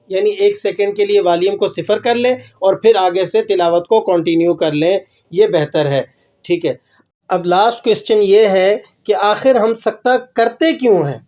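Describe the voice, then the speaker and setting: A man from Pakistan teaching a religious lesson on pauses in Quran recitation, explaining patiently and often checking with his listeners. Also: high-pitched, dark tone. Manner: patient explaining, checks in with "right?", slow drawn-out recitation examples.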